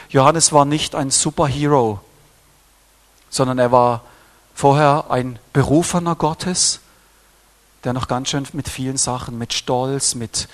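Emphatic male preacher with a middling pitch. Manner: emphatic, with frequent swells in volume and repeated words. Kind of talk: sermon on scripture.

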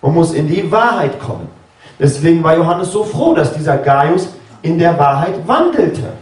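Roomy, animated preacher. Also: male voice, normal speed, far from the mic. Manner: conversational, keeps asking "ja?" and "ne?"; acts out biblical dialogue with sudden pitch jumps. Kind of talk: sermon. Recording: roomy, from off-mic.

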